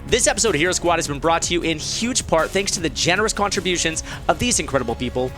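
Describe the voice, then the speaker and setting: A man's voice: on the high side, lively intonation, fast, music in the background. A man reading a scripted outro as an announcer, thanking supporters. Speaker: show announcer.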